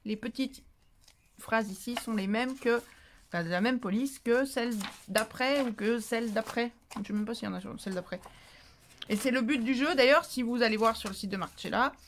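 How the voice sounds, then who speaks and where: A woman with a fairly high voice walks through a paper-craft demonstration. Her talk is loose and chatty, full of restarts and thinking aloud, with a playful streak that slips into silly asides. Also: fairly quick, slight background noise. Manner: chatty and rambling, thinking aloud while stamping. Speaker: paper-craft tutorial host.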